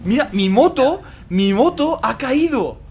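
A man with a Spain Spanish accent giving casual gaming commentary, excitable and stammering through repeated words as he swears. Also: very high voice, measured pace. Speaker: gaming YouTuber.

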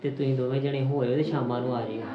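Easygoing, quick-talking Punjabi farmer husband, played by a man, music underneath. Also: mid-range voice, fairly even intonation, lo-fi sound, lightly acted. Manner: easygoing, placating. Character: farmer husband, calm peacemaking son. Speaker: actor in family drama.

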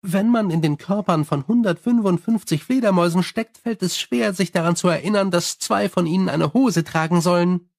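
A man's voice: high-pitched, moderate pace, gravelly, few pauses, no echo, clean studio sound. A man voicing a sly, teasing young female vampire in an audiobook, chatty and playfully mocking. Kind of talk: audiobook character voice.

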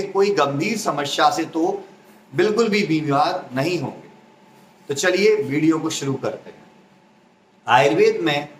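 A man giving an explanatory health talk as an Ayurveda educator, measured and teacherly, listing points one by one. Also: fairly high pitch, echoey room, a little hiss or hum, low-quality recording.

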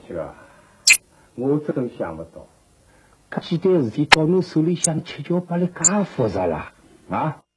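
Nagging family man, Shanghai accent, lively swings in pitch, television drama, heavy tape noise. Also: moderate pace, pauses often. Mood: scolding. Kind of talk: naturalistic television drama dialogue. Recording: very noisy old TV tape.

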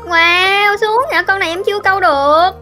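A woman's voice: very high-pitched, brisk, pushed and bright, soft background music. A woman voicing a scheming, bratty younger sister in a game-made fairy tale, pouty and sly.

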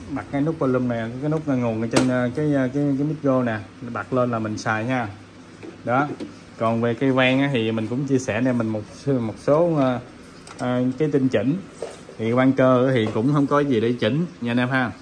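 Guy showing off karaoke gear, rambly and friendly, mid voice, faint hiss behind. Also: medium pitch. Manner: chatty, many fillers, addresses viewers as friends. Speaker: audio shop owner demonstrating gear. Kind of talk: casual product demo. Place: indoor room with sound system.

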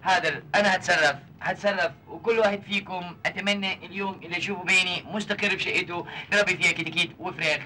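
A man's voice: high voice, fairly even intonation, rapid-fire, hardly any pauses, sharp tone, a little hiss or hum, low-quality recording. An actor playing a pompous young male businessman who bluffs, speaking with an Egyptian accent and mixing in English words. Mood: placating. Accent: Egyptian Arabic. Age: young adult. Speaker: film character. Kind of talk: 1980s comedy film acting.

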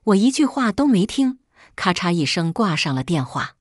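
A woman's voice: fairly low pitch, big pitch swings, moderate pace, dry recording, studio quality. A woman reading a first-person story aloud in a cool, sardonic storytelling manner. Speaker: narrator.

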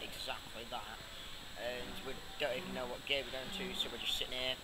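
A man's voice: mid-range voice, flat delivery, a little fast. A young man chatting casually to a handheld camera on holiday, like a vlogger updating his viewers. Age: teenager to young adult. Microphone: handheld camera at arm's length. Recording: noisy handheld camera audio with heavy background noise.

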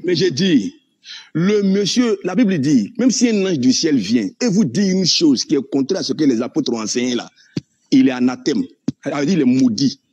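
A man's voice: on the high side, expressive, moderate pace, dark tone, breathy edge. A man, arguing combatively and preaching from scripture in a heated debate over a video call.

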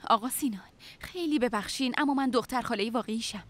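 A woman's voice: fairly high pitch, natural voice. A woman dubbing a drama role, talking in an earnest, firm, pleading way about raising her young cousin. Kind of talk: dubbed TV drama dialogue.

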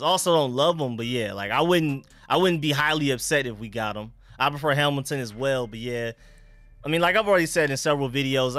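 Bright-voiced young man talking with a retainer in. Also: mid-range voice, dry recording. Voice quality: slightly impeded speech from wearing a dental retainer. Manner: informal, slangy, repeats greetings and catchphrases. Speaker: sports livestream host. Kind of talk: casual livestream chat, greeting viewers.

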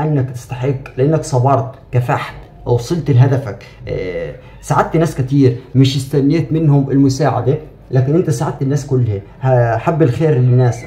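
A man giving a spiritual fortune reading in a reassuring, repetitive monologue, with drawn-out "aah" fillers. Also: mid-range voice, warm tone, echoey room.

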